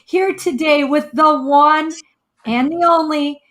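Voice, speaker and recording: A woman speaks in a high-pitched voice as the host of a show. Her delivery is chatty and conversational, suited to introducing and questioning a guest. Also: fairly even intonation, slow pace, a bit bright. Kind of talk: chatty interview hosting.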